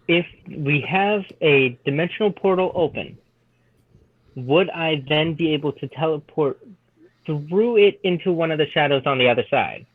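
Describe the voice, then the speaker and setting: A man's voice: fairly high pitch, expressive, normal speed, dry recording. A man playing a tabletop game over a call, heard through a thin, tinny sound as if through a tin can phone, thinking aloud as he asks questions. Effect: tinny sound as if talking through a tin can phone. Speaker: player. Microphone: new phone with new headphones. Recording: tinny phone line, dry.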